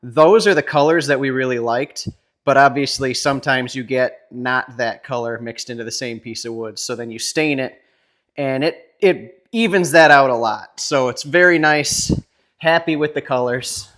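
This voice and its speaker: Relaxed man chatting through a workshop walkthrough. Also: medium pitch, moderate pace. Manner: relaxed, chatty, self-talk while filming. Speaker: woodworking channel host. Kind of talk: casual shop walkthrough, filming one-handed.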